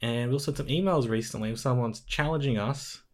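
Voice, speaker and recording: A man's voice: medium pitch, quick pace. Teasing Australian male podcast host. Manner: teasing, playful banter. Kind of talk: casual chat.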